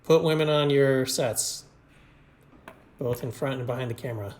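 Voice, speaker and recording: A man's voice: medium pitch, normal speed, slight background noise. A filmmaker hosting his own show, casually narrating behind-the-scenes clips in an easygoing, chatty way. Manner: easygoing, chatty, with small laughs and fillers.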